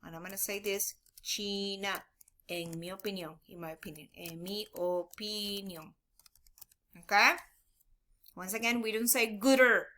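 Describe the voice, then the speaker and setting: A woman's voice: mid-range voice, fairly even intonation, a little slow, sharp tone. A woman teaching a recorded grammar lesson, speaking patiently, repeating examples and thinking aloud as she writes them out. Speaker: Spanish teacher.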